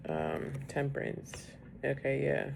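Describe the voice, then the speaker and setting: A woman's voice: a bass voice, lively intonation, slow, gravelly. A woman giving a rambling, casual tarot reading, drifting now and then into a whisper. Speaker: tarot reader. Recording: loud background noise.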